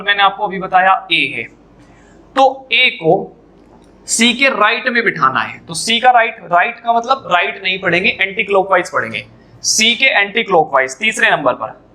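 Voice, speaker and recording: A man teaches a reasoning lesson at a board. His voice sits high and rings bright and clear. He works through each step, repeats the key points and keeps asking his students questions. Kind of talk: classroom whiteboard lesson.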